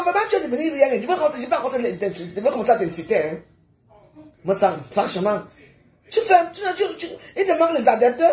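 A woman, hosting a heated live stream and scolding her viewers with rapid rhetorical questions. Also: on the high side, darkish tone, reverberant.

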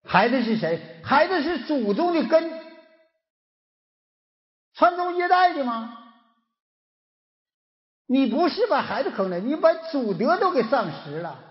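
A man's voice: extremely high pitch, big pitch swings, a little slow, long pauses, highs cut off. A man from Northeast China with a Northeastern Mandarin accent, giving an earnest moral lecture full of rhetorical questions, recorded in a lecture hall.

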